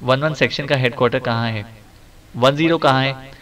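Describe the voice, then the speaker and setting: A man's voice: medium pitch, steady tone, fairly quick, fairly bright tone, distant mic, close to an everyday voice. A man voicing a ruthless male spy major who interrogates in a stern, growling tone, read for an audiobook. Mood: menacing.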